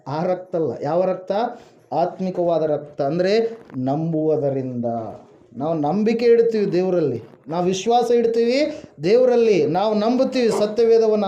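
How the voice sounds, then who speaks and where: A man's voice: sits high, warm tone, a little hiss or hum. A male pastor preaching a sermon, asking the congregation questions and answering them himself, with frequent hallelujahs. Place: house church room. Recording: echoey room, dull lo-fi sound.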